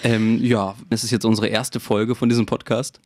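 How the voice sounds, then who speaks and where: A man's voice: on the low side, little pitch movement, moderate pace, dry recording. A man in his twenties co-hosting a podcast, chatting casually and frankly, laughing often. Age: 20s. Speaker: podcast co-host.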